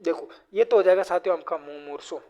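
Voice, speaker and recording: A man's voice: high-pitched, fast talker, mellow. A man teaching grammar in an online exam-prep lesson. He keeps asking the class questions and drills correct and incorrect word forms. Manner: repeats questions to the class, constantly addressing students as friends.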